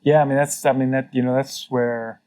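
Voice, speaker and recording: A middle-aged Mexican man, once CEO of a carbon registry, is a guest in a casual conversational interview, speaking earnestly and reflectively with frequent fillers and restarts. His medium-pitched voice is warm, his delivery flat, and his pace normal.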